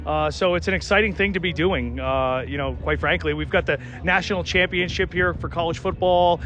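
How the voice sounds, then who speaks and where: Upbeat man pitching his venue outdoors. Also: brisk, a bit bright, muffled recording, a little hiss or hum. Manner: upbeat pitch, many fillers. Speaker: venue operator. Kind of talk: promotional interview.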